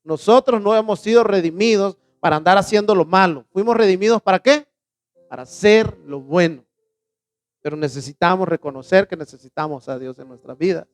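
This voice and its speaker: His voice sitting high, a male preacher addresses his church congregation, posing questions and answering them. When he reads scripture, he goes slowly and with emphasis.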